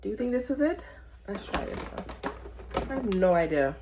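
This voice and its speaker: Woman, casual crafting vlog, chatty, talks while working, home craft room, mid-pitched voice, faint background noise. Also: very animated, normal speed. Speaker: crafter making custom shirts.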